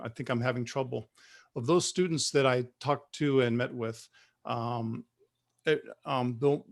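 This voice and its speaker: A man giving a relaxed, halting presentation as a club instructor, with frequent fillers and restarts. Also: medium pitch. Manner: relaxed, hesitant with many fillers. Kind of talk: presentation talk.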